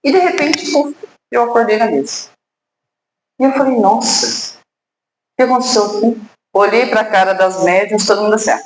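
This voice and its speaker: A Brazilian woman giving a personal testimony talk at a spiritist center, telling her story dramatically, acting out dialogue and pausing for suspense. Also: fairly high pitch. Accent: Brazilian Portuguese. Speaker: guest speaker at a spiritist center. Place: spiritist center hall, indoors. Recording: echoey room, faint background noise.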